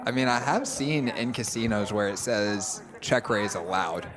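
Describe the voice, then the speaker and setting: A young man commentating a live poker stream in a relaxed, analytical way. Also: lowish voice, unhurried. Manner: easygoing, analytical. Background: crowd chatter of a poker room.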